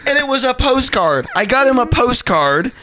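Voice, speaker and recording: Man, high bright voice, very animated, comedic storyteller. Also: moderate pace, slight background noise. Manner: animated, acts out both sides of the story. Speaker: podcast co-host.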